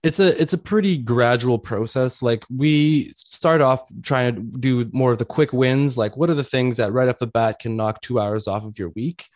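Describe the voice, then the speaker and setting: A man's voice: mid-range voice, normal speed, few pauses, a little mellow, no room sound. A man answering as an interview guest, explaining practical advice methodically, point by point, like a coach.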